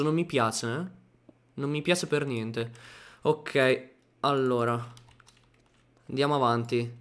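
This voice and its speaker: Gaming YouTuber, male, high bright voice, jumpy let's-play commentary with panicky bursts. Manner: excitable, talks to himself and viewers, panicky outbursts.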